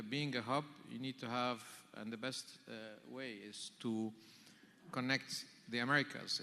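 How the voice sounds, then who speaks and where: A man answering on a conference panel, steady with frequent fillers. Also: medium pitch, a little hiss or hum. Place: large conference hall. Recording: reverberant conference hall.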